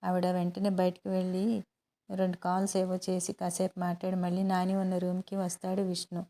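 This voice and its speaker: A woman narrating a romantic story in a steady, plain storytelling manner. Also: on the low side, brisk.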